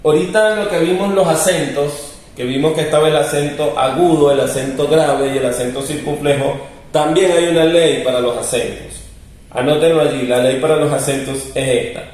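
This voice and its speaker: This recorded classroom lesson features a brisk man whose voice is fairly high and darkish in tone. He patiently explains the rules and repeats them, captured by a distant mic in a very echoey room.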